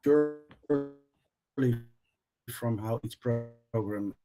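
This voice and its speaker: A man's voice: mid-range voice, over music. Man on a glitching, choppy call line. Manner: halting, many fillers. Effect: choppy, cutting-out internet audio. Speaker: meeting participant presenting an agenda item. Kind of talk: online team meeting. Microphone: video call over a weak connection.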